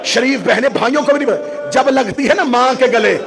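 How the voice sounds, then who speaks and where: A man delivering an impassioned sermon, wailing and rising to shouts, at a large mourning gathering. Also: extremely high pitch, normal speed, vocal fry. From Pakistan. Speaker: Shia cleric delivering a majlis. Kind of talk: emotional sermon recitation. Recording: noisy crowded gathering, live mic.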